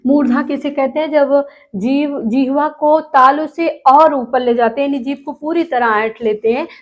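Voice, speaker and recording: A woman teacher with a high voice speaks slowly and patiently. She sounds out each syllable clearly, then puts questions to her students. Her classroom delivery is unhurried and steady. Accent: Hindi. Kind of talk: classroom lesson.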